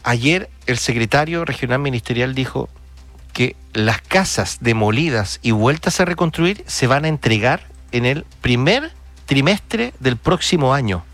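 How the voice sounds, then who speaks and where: A man's voice: medium pitch, expressive, a little slow, fairly bright tone, no room sound, soft background music. A man hosting radio news, commenting emphatically with rhetorical questions and fillers.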